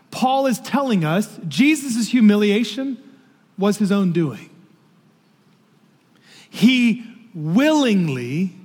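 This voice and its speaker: A man preaching a sermon as pastor, slow and emphatic, falling to a hush on key phrases. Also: high-pitched. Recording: reverberant hall.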